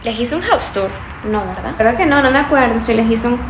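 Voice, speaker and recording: A woman's voice: on the high side, expressive, a little fast, background noise. A young woman, chatting and laughing while she vlogs a move into an empty apartment on a handheld phone. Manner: chatty and bubbly, laughing often. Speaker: vlogger. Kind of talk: casual vlog chat to camera. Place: empty new apartment, echoey rooms indoors. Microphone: handheld phone camera at arm's length. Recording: echoey empty room with music under.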